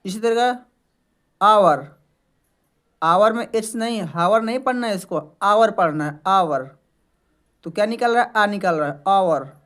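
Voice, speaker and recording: A male teacher walks through vocabulary in a classroom-style lesson. He asks his own questions and answers them, then checks in with a quick "okay." He says each word slowly and more than once so learners can copy it. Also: high voice, a bit bright, smooth. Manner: repeats words slowly to model their pronunciation. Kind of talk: classroom-style lesson explaining English words in Hindi.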